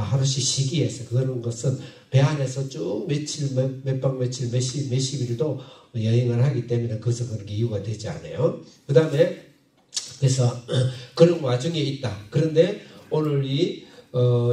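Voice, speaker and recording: A man preaching a sermon as pastor, halting and repeating phrases, often asking his congregation questions. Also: mid-range voice, warm tone. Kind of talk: sermon with Bible reading. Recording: echoey hall from far off.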